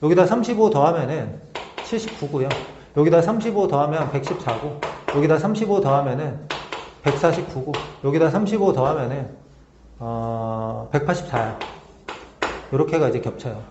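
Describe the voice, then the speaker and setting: A man teaching a math lesson step by step, often pausing to check that students follow. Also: on the high side. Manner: talks through steps slowly, checking in with tag questions. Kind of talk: whiteboard lesson walkthrough. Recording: roomy, slightly dull recording with faint noise.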